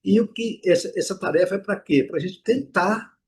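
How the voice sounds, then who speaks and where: A Brazilian man teaching English pronunciation in an online lesson, explaining patiently and repeating each word slowly to drill it. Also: high-pitched, darkish tone, slight background noise, poor audio. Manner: drills words by slow repetition; explanatory, with rhetorical check-ins.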